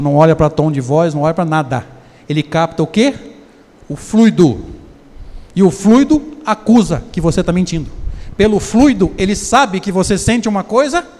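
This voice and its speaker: A spiritist lecturer with a Brazilian Portuguese accent gives a conversational seminar talk in a lecture hall, frequently posing questions to the audience. His voice is high with a darkish tone, and the hall adds a long reverb.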